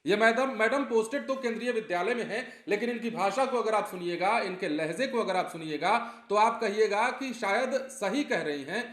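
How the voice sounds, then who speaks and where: A man's voice: sits high, animated, normal speed, few pauses, fairly bright tone. A man presenting a news report with commentary, emphatic and repeating phrases for effect. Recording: roomy echo.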